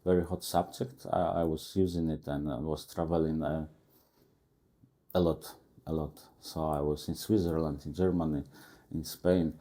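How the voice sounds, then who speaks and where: A man in his forties from Poland with a Polish accent, speaking halting non-native English as a guest in a casual interview. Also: very deep voice, fairly even intonation, warm tone. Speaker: guest tattoo artist. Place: tattoo shop.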